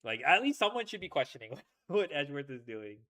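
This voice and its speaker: Young guy streaming a game, rambly and laid back, lively bright voice. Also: a little high, fairly quick. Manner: relaxed, rambling, laughs often. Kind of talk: casual gameplay chat.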